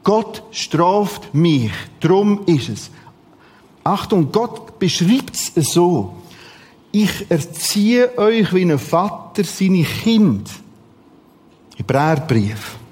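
A man preaching a sermon in a lively, conversational way, with sudden emphatic outbursts. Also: high-pitched, takes it slowly, long pauses, in a large hall.

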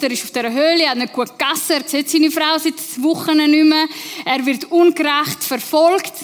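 A woman with a Swiss German accent preaching a sermon in a lively, conversational way, slowing down for emphasis. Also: high-pitched. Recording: long reverb in a large hall.

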